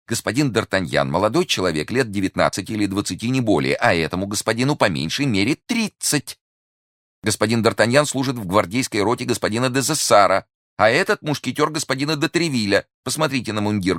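A man voicing a fussy, frightened middle-aged merchant who pleads and protests excitably. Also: rumbling low, dry recording, studio quality, pitched above the performer's own voice, exaggerated voice. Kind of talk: audiobook character reading.

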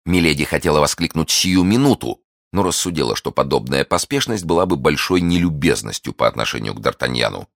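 Man reading a novel aloud, super low voice, lively melody, dry close mic. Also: dry recording. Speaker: audiobook narrator. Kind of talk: scripted narration of a classic novel.

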